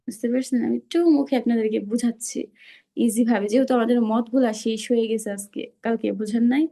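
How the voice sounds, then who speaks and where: A woman's voice: a little high, fairly even intonation, fast talker, mellow. A woman teaching Quran recitation in an online class. She explains patiently and keeps checking that her students understand.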